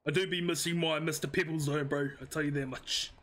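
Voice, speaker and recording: A crude, hard-of-hearing old Kiwi bloke from a roleplay game, as a man puts him on, all drawled swearing and "mate". The voice sits high and bright, with a twangy edge and a New Zealand accent. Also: steady tone, a little fast, close to an everyday voice. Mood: cranky banter. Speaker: streamer in roleplay. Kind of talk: improvised roleplay in voice chat.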